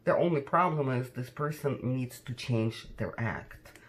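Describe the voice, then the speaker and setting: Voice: medium pitch, a little slow. A tarot card reader talking casually to viewers in a conversational, cautioning way, often tagging questions onto statements.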